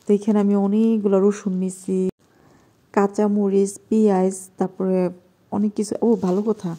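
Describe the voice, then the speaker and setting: At night in her kitchen, a Bangladeshi woman narrates a home cooking vlog, talking softly and quietly. Her voice is mid-range with a Bangladeshi Bengali accent, and her delivery is flat at a normal speed.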